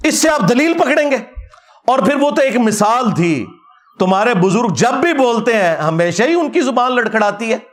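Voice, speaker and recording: A man giving an animated, mocking religious rebuttal lecture as a preacher. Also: high voice. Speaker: Islamic preacher.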